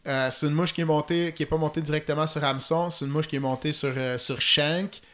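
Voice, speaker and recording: Quebec man, fly-fishing expert, slightly higher voice, technical and detailed, lots of fillers. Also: fairly even intonation, brisk, a bit bright. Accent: Quebec French. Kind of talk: casual podcast chat.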